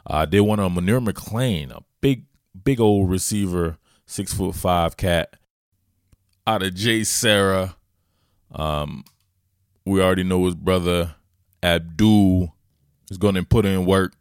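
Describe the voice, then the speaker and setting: A man from the southern United States, with a Southern accent, hosts casual solo football commentary as an analyst, slangy and informal and addressing listeners familiarly. His deep, clear, resonant voice is slow with frequent pauses, in clean studio sound without echo.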